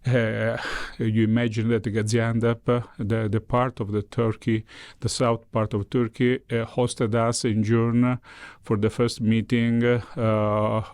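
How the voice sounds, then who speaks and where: A man's voice: mid-range voice, level tone, a little slow, darkish tone, clear, resonant tone, no echo. A man who speaks English as a second language, answering in an interview, searching for words and repeating them for emphasis. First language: not English. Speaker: interviewee, representative of a cultural foundation.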